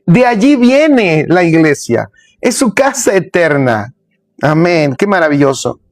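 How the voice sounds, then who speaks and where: A man's voice: a little high, sing-song, unhurried, no room sound. A man preaching a sermon, emphatic and repetitive, speaking straight to his listeners.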